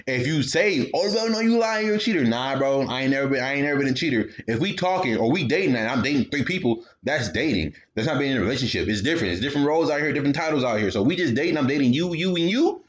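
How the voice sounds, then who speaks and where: A young man hosts a casual podcast monologue, full of slang and acted-out voices. His pitch swings widely as he talks, and the recording comes across muffled and lo-fi. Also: rapid-fire, hardly any pauses. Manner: animated storytelling, slangy, acts out quoted voices. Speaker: podcast host.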